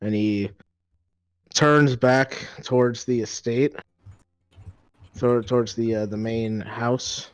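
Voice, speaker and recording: Slow, halting man narrating a game. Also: mid-range voice, fairly even intonation, no echo, dull audio. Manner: halting, pauses mid-phrase. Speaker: game master. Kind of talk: improvised tabletop game narration.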